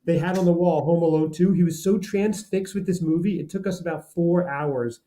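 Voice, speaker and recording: A man's voice: a little high, moderate pace, warm tone. A man in a casual group chat, teasing the others and telling jokey stories.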